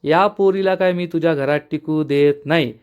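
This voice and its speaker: A spiteful middle-aged aunt who scolds and schemes against the family, as a man reads her lines in a story retelling. Her words come out sharp and bitter, in a smooth, slightly high voice. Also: normal speed, lightly acted. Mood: scolding.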